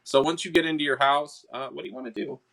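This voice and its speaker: A man's voice: a little high, lively intonation, fast talker, creaky, a bit bright. Laid-back man running a tabletop game. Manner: casual, filler-heavy, laughs often. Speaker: game master.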